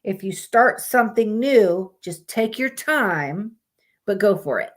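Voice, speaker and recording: Reading the monthly horoscopes on her live stream, a woman speaks slowly in an expressive, mid-range voice. The reading itself is plain and casual, punctuated by blunt asides laced with swearing.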